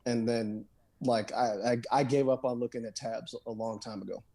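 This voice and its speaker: A man's voice: mid-range voice, fairly even intonation, normal speed, warm tone. A man guesting on a podcast, talking in a loose, rambling way with lots of fillers, restarts and "dude". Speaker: guest guitarist and songwriter. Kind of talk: casual podcast conversation.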